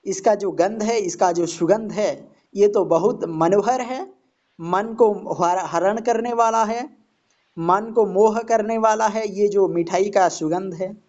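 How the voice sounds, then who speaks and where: A man's voice: high-pitched, darkish tone. A man teaching a Sanskrit play, reading each line and then explaining it in Hindi. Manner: reads Sanskrit lines then explains them slowly in Hindi. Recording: dull lo-fi recording.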